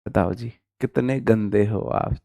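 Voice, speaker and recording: A man's voice: on the low side, steady tone, measured pace, creaky, warm tone, no echo. A man teaching vocabulary in a live online lesson, chatty and joking, calling his viewers brother.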